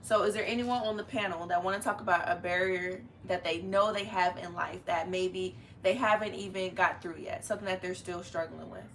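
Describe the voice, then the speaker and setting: With a fairly low, slightly bright voice, a young adult woman talks briskly and with few pauses while hosting a family live stream. Her intonation stays fairly even as she chats in a familiar, slangy way from her living room, where room noise is noticeable.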